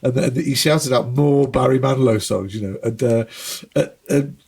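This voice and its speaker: A British man, a comedian guest, telling lively anecdotes in a casual chat, mimicking hecklers as he goes. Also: mid-range voice, moderate pace, gravelly, background noise. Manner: animated storyteller who mimics hecklers.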